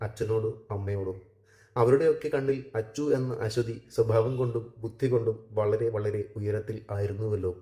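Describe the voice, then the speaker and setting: A man reading a romantic short story aloud in a steady, measured narration, recorded in an echoey room. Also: mid-range voice.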